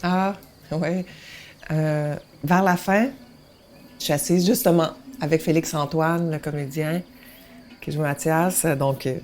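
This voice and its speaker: A woman's voice: sits low, fairly even intonation, unhurried, pauses often, a little mellow, slight background noise. A woman, a film director recounting a story casually with hesitant fillers.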